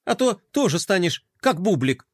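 Man doing a shrill skeptical little girl. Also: normal speed, no room sound, studio quality. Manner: scoffing, excitable. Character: skateboarding young girl, the sister, skeptical. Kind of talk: children's story character voice.

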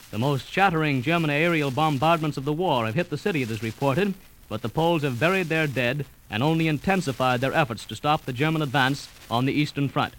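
A man reading a 1939 radio news bulletin in a formal, measured way. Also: a little high, fairly bright tone, slight background noise, rough recording. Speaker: news announcer.

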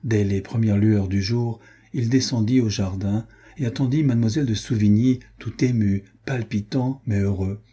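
A man narrating a historical novel as an audiobook, measured and steady. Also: lowish voice, breathy edge. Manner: measured, storytelling. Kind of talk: scripted narration.

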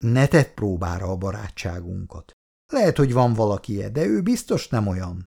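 A man's voice: fairly low pitch, very animated, creaky, mellow, full character voice. A man voicing an earnest, lovestruck young soldier who talks apologetically and defensively in an audiobook.

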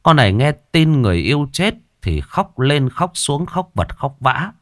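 A man's voice: on the high side, big pitch swings, moderate pace, no room sound, clean studio sound. A man, narrating a ghost story in a crude, colloquial way.

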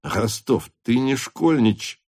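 A man reading an audiobook, voicing a hot-tempered male hussar officer who shouts in fury. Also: mid-range voice, very animated, slow pace, breathy edge, full character voice. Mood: scolding. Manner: shouting, furious. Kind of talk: audiobook character voice.

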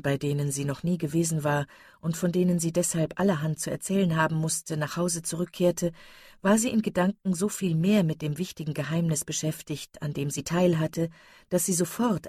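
A woman reading a novel aloud as audiobook narrator, in a steady, even way. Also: sits low, normal speed, husky, dry recording, studio quality. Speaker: audiobook reader. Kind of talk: scripted narration.

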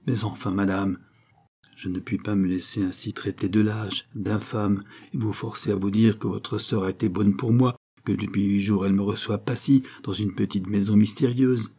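Guy doing a calm smooth gentleman, dark husky voice. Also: on the low side, normal speed. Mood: cool. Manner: calm, affable, self-assured. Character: smooth, cool-headed young gentleman. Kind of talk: audiobook character voice.

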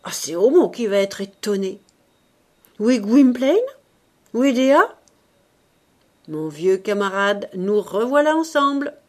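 A woman voicing a grumpy, sardonic old male showman in an audiobook, talking loudly and blustering. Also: medium pitch, lively intonation, slow, long pauses. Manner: loud, blustering, exclamatory. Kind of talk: audiobook reading.

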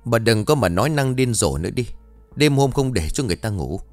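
A gruff older village husband scolding his wife, his voice rising and falling a lot as he grumbles, as a male narrator plays him in an audio storybook. The sound is dry and close, with faint music behind. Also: medium pitch, very animated, a little fast, dry recording, close to an everyday voice.

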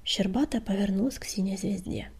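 A woman reading an animal adventure story aloud in a soft unvoiced whisper. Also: medium pitch, fairly quick, gravelly, husky. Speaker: audiobook reader.

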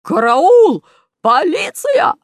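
A woman voicing a cowardly mustached male thief in a children's audiobook, high, shrill and panicky. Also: normal speed, dry recording, clean studio sound. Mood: panicked.

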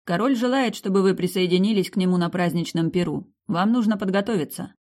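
A woman's voice: on the low side, fairly quick, darkish tone, voice pushed up, close to an everyday voice. A woman reading the lines of a young male royal servant who is courteous and stumbles over formal and informal address. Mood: polite, formal. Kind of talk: audiobook character reading.

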